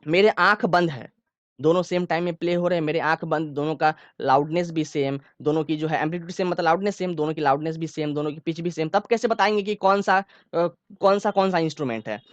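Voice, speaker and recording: Guy teaching a science class, rapid talk, keeps checking if u got it, dry close mic. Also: on the high side, no room sound, highs cut off. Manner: explains step by step, asks if students understood; informal, repeats key phrases. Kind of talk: online classroom lecture.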